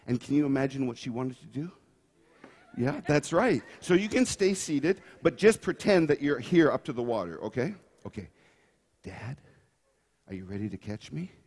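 A man's voice: mid-range voice, normal speed. A man preaching a sermon, telling a story with playful energy and drawing the congregation in to act it out. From Canada. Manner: playful, animated storytelling with audience participation.

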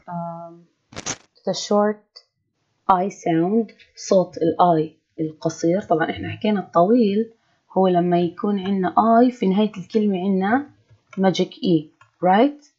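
A woman teacher, giving an online English lesson to children at a slow, careful pace. Her voice is low and mellow, and she keeps checking in with "okay". The audio is dull and lo-fi. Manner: repeats words slowly for children, frequent "okay".

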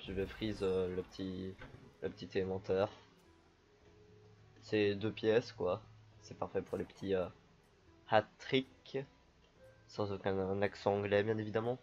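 Man, streamer, casual game commentary, rambling with fillers, monotone, slightly dull lo-fi audio. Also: sits low, normal speed, pauses often, soft background music. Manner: relaxed, rambling, many fillers.

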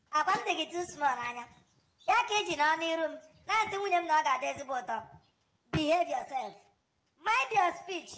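A man with a West African, Nigerian accent voicing an excitable, scolding family man in a comic cartoon dub, mixing in English phrases. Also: very high-pitched, heavily acted, poor audio. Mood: indignant. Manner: exclamatory, mixes in English phrases.

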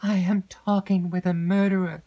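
A woman's voice: deep voice, animated, a little slow, warm tone, highs cut off, exaggerated voice. A woman voicing a frightened young noblewoman in an audiobook, speaking eagerly and urgently. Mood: horrified. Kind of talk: audiobook character reading.

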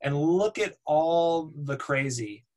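A man in his thirties, a voiceover demo producer, teaching a webinar from a home room over a webcam in a relaxed, explanatory way with frequent ums and uhs. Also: a little high, takes it slowly, poor audio. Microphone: webcam on video call.

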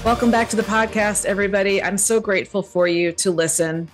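A middle-aged woman hosts an upbeat podcast interview over a video call from an indoor room at home or in an office, speaking into a desk mic with a headset. Her voice is medium in pitch and brisk, with soft music playing behind her.

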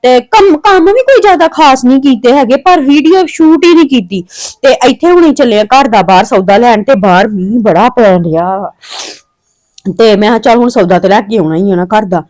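A Punjabi-accented woman with a fairly high voice talks to her viewers as a family vlogger. She rambles casually about home life in a plaintive, homely manner, as a mother chatting with relatives would. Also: expressive, fairly quick, darkish tone, poor audio.

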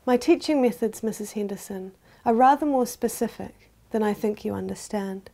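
A woman's voice: medium pitch, normal speed, vocal fry, dark tone. A woman reading aloud, voicing a strict, formal female music teacher. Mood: prim.

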